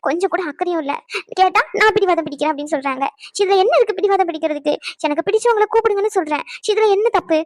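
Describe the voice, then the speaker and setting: A woman's voice: very high voice, very fast, no echo. A woman voicing a young pregnant wife in a cartoon, stubborn at first and then pleading through apologies. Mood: complaining. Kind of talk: cartoon voice acting.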